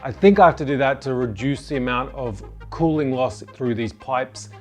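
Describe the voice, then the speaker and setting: A man's voice: medium pitch, normal speed, darkish tone, faint music behind. A man presenting a DIY build in casual vlog chat, with a jokey, self-deprecating way of talking.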